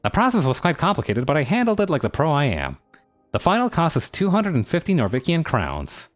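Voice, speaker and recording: A man's voice: fairly high pitch, wildly swooping pitch, fairly quick, soft background music, voice pushed up. A man voicing a boastful, nerdy male bird-creature bookbinder in a game, pompous and curt. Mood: pushy.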